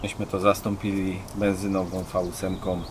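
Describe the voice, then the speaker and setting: A man's voice: low-pitched, completely flat delivery, moderate pace. A man casually explains a modified off-road vehicle, hands-on and colloquial, as the car builder showing people around it. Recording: clear vehicle and ambient noise.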